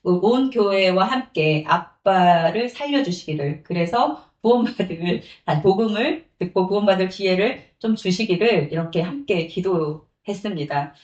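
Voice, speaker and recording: A woman's voice: mid-range voice, lively intonation, moderate pace, few pauses, a little mellow, lo-fi sound. A woman evangelist preaching a sermon with personal testimony, acting out quotes and laughing often. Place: church sanctuary. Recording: echoey church room.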